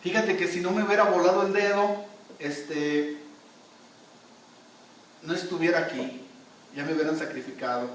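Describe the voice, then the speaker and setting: A man's voice: fairly high pitch, fairly even intonation, normal speed, pauses often, a little hiss or hum, lightly acted. A man voicing a humbled king who apologizes to his servant, pleading and sorry. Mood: apologetic. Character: remorseful king, middle-aged man, humbled. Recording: echoey church hall, distant mic.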